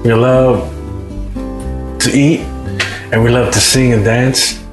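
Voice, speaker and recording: A man's voice: mid-range voice, fairly even intonation, slow. A Samoan man raised in California giving a candid, conversational personal testimony, often adding "you know". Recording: roomy sound with guitar music behind.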